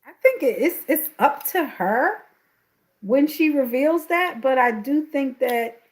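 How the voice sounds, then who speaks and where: Female co-host, very animated pitch, unhurried delivery, laughs easily. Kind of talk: casual panel chat.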